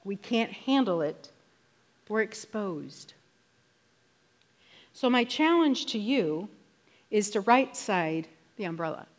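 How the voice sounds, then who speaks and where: A woman preaching a sermon to a congregation, in a conversational, emphatic way that slows down to stress key phrases. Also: mid-range voice, lively intonation.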